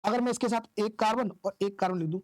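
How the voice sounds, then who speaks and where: A man's voice: high-pitched, quick pace, dry recording. Hindi-speaking male chemistry teacher, dry sound. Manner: asks questions and answers them himself, counts aloud. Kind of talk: classroom lecture explaining isomer naming.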